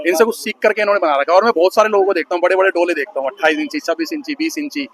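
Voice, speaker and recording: A man's voice: sits high, animated, rapid-fire, slight background noise. A man ranting sarcastically in a street interview, scolding people and repeating "bhai" constantly. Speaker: bystander interviewee. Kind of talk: heated street interview rant.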